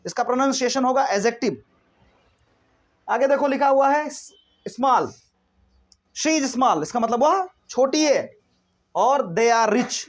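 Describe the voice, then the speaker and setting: A man teaching a spoken English grammar lesson, explaining step by step with rhetorical questions and reading example sentences slowly before translating them. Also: very high-pitched. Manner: explains step by step, keeps asking rhetorical questions and saying "theek hai".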